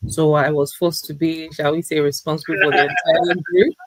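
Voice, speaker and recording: A woman guest in an interview, talking in a reflective, measured way with frequent pauses. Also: low voice, little pitch movement, no echo, low-quality recording. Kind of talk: interview conversation.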